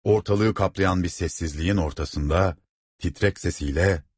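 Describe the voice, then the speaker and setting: Deep, husky male audiobook narrator. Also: normal speed, darkish tone, dry recording, studio quality. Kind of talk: audiobook reading of a novel.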